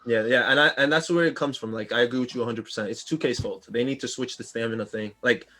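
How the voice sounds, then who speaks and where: A man co-hosting a casual gaming podcast, laid-back and laughing, getting animated as he rants. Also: medium pitch, fast talker. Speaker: podcast co-host.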